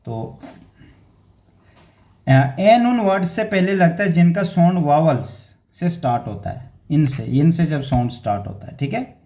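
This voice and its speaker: A man's voice: a little high, expressive, measured pace, warm tone. A young man teaching an exam-prep grammar lesson in casual Hindi mixed with English, repeating words and checking in with "theek hai" again and again.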